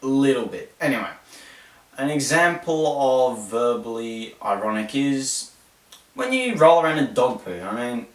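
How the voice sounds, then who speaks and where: A man's voice: medium pitch, measured pace. A man hosts a casual explainer, joking and rambling as he goes and poking fun at himself. He sits some way back from the mic in a roomy, echoing space. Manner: playful, rambling, self-mocking, animated storytelling. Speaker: host. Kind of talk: jokey explainer monologue. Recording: roomy echo, distant mic.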